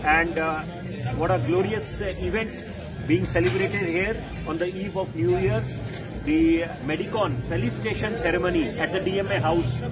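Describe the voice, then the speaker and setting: Indian male interviewer, high-pitched, ceremonious and formal, at a noisy event with music behind. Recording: noisy outdoor event, loud crowd and music. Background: loud crowd, music.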